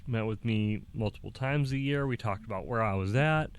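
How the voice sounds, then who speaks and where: A young man talking casually to the camera, halting and restarting, with small laughs between thoughts. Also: fairly low pitch, clear, resonant tone. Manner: acts out quoted dialogue in a raised voice. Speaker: vlogger.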